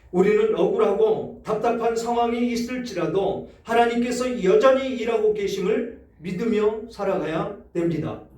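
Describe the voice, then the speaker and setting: Male pastor, emphatic sermon delivery, higher voice, echoey church recording. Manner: emphatic preaching with sharp swings in loudness. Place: church sanctuary. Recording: echoey church hall, mic set far off.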